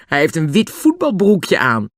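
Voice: medium pitch, wildly swooping pitch, measured pace, dry recording, studio quality, pitched above the performer's own voice. A reader voicing a sensible older boy who lays out plans in a matter-of-fact way. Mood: calm.

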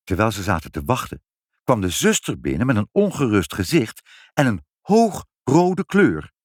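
Lively male storyteller, dry sound. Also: fairly low pitch, moderate pace, no room sound. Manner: expressive, lively reading aloud. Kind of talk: children's story reading.

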